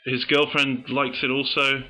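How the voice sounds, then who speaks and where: A man's voice: medium pitch, little pitch movement, a little slow, sharp tone. A man co-hosting a podcast in casual chat, easygoing and a little hesitant. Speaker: podcast co-host. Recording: dull lo-fi audio.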